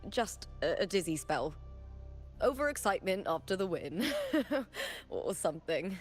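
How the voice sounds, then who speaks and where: A proud young warrior woman from a fantasy video game. Her voice sits a little low, with clear music underneath. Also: sing-song, a little slow. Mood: evasive.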